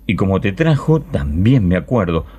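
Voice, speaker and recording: A man's voice: sits low, sing-song, normal speed, darkish tone, slightly rough. A man, a radio host reading a short story aloud and speaking wistfully and intimately as a child in the first person. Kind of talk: expressive literary reading.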